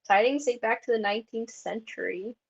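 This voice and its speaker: A woman's voice: fairly high pitch, fairly quick, vocal fry, husky. A woman giving a casual convention panel talk, chatty and full of "like" fillers. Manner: chatty, heavy use of "like" fillers. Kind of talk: casual presentation. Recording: dull lo-fi recording.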